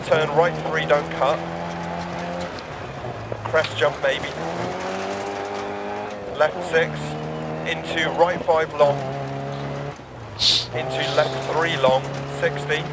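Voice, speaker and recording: Over a roaring car engine, a focused male rally co-driver in a racing game. He fires off rapid, clipped pace notes in a fairly high, gravelly voice with an even pitch. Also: full character voice. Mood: brisk, focused. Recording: loud car engine noise.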